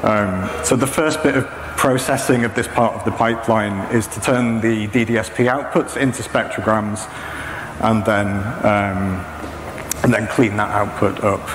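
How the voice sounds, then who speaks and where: Fairly low-pitched and steady, a man in his thirties talks a little slowly, explaining in a hesitant, informal way during a technical presentation. He's a saxophonist and machine learning practitioner on an indoor stage before a projection screen, and the echoey hall carries clear background noise.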